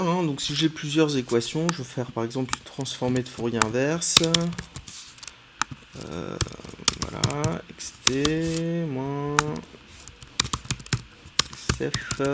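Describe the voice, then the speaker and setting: A man's voice: mid-range voice, background noise. Man thinking aloud over keyboard clicks. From France. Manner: relaxed, thinking aloud while typing, frequent "euh". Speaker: teacher. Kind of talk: screen-recorded coding tutorial.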